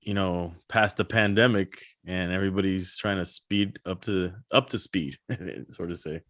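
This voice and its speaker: A man co-hosting a podcast in easygoing casual chat with soft-spoken asides. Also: low voice, fairly even intonation, moderate pace, no echo, studio quality. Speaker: podcast co-host.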